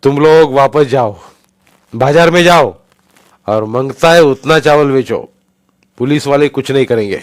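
A man's voice: medium pitch, a little slow, long pauses, pitched above the performer's own voice, natural voice. Man doing a barking police chief. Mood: commanding. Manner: shouting orders in Hindi-mixed speech. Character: gruff middle-aged male police officer, bossy.

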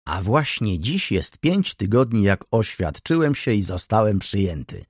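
A man's voice: lowish voice, big pitch swings, measured pace, slightly rough, no echo, clean studio sound, heavily acted. A man voicing a talkative, ceremonious graying older baron who keeps calling his listener "sir". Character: chatty, fussy graying older baron, eager.

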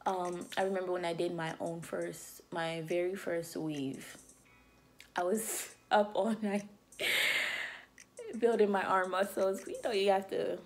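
A woman's voice: on the low side, fairly even intonation, unhurried. A woman from Liberia talking casually to camera as a beauty vlogger, chatty and loose with frequent "um" and "you know".

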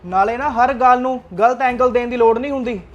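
A man's voice: extremely high pitch, fairly even intonation, a little fast, highs cut off, faint music behind. A Punjabi-accented man playing a polite, conciliatory younger brother. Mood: reproving. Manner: mild, placating.

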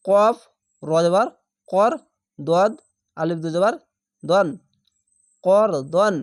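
A man gives a step-by-step Quran recitation lesson, spelling out each letter and syllable, repeating the sounds, and stretching the vowels before joining them into words. His voice sits high with drawn-out words, in a clean studio recording with no echo.

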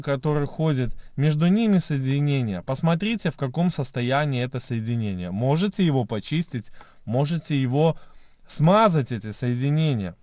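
A man's voice: a little high, dry recording. A man in his thirties who cannot roll his r, explaining a repair step by step in a how-to vlog. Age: 30s. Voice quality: soft, non-rolled r (a burr). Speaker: car repair vlogger. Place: inside a parked car at night. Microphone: camera at arm's length.

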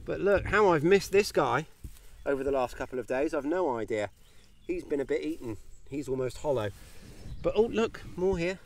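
A man in his thirties who hosts a homesteading channel vlogs while walking a grassy paddock, sharing mushroom foraging tips. His voice is a little high with lively intonation and a moderate pace, and he sounds chatty and enthusiastic as he points things out, recorded on a phone held at arm's length.

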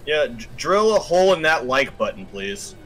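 A man's voice: medium pitch, sing-song, moderate pace, fairly bright tone, slight background noise. A man chatting casually while gaming with friends, playful and stammering over his words. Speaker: guest gamer.

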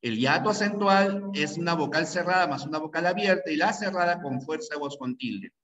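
A man's voice: on the high side, a little fast, a bit bright, a little hiss or hum. Man lecturing in an echoey classroom. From Peru. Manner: repeats key rules over and over, drilling students; asks frequent checking questions. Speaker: pre-university language teacher. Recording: echoey room, distant mic, dull sound.

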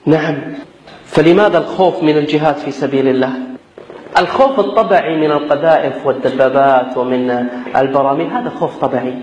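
A man's voice: on the high side, quick pace, darkish tone, lo-fi sound, slight background noise. A young man preaching a fiery sermon, impassioned and exhorting, with rhetorical questions and recited scripture. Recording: echoey, long reverb.

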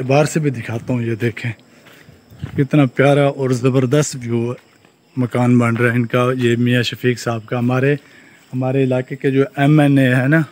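A man's voice: medium pitch, a little mellow. A young man from Pakistan with a Saraiki-region Urdu accent, giving an eager vlog tour of a farm and building site, speaking into a phone held at arm's length outdoors. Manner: enthusiastic, repeats phrases like "look at this". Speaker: vlogger. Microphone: phone camera, selfie at arm's length.

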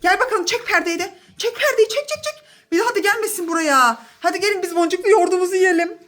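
A mother in her thirties films a family vlog, talking to her kids and viewers in a playful, coaxing way. Her voice sits very high and she exclaims often. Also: animated, fast, fairly bright tone. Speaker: mother and vlogger.

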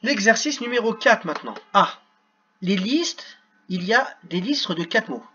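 A man's voice: sits high, expressive, a little slow, pushed and bright, muffled recording, slight background noise. A man teaching young children at a computer, sounding out words syllable by syllable. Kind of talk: screen-recorded lesson for children.

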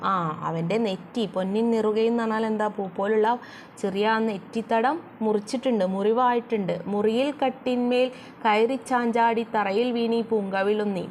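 A woman from Kerala, teaching a school poem. She reads the verses slowly, then explains them with quick questions she answers herself. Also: medium pitch, a little hiss or hum.

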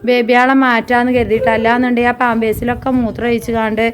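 A woman's voice: a little high, flat delivery, fast, background noise. A woman, chatting directly to viewers in a casual home vlog. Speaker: family vlogger.

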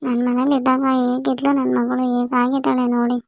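A doting village mother , played by a woman, fusses and insists in a high voice with a gravelly edge. She holds an even, narrow pitch, and the recording is dry and close. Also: fairly quick, no room sound. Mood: fussing. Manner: fussy, insistent. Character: doting village mother fussing over her daughter. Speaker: mother in a family skit. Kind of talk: amateur village family skit.

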